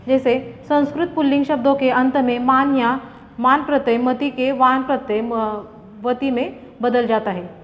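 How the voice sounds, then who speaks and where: A woman's voice: high-pitched, steady tone, a little slow, slight background noise. A woman teacher giving a grammar lesson, reading out example words and asking and answering her own questions. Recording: dull reverberant room recording.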